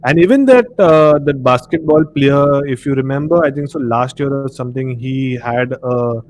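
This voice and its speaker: A live stream host with an Indian accent talks at normal speed in a mid-range voice, captured in a dry recording. Hosting a casual discussion, he rambles a little and repeats words for emphasis. Background noise and room ambience come through clearly.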